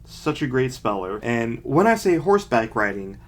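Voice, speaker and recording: A man's voice: mid-range voice, sing-song, moderate pace. A young adult man casually reading aloud and commenting in a mocking, self-deprecating way, with dry, sarcastic asides. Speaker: vlogger.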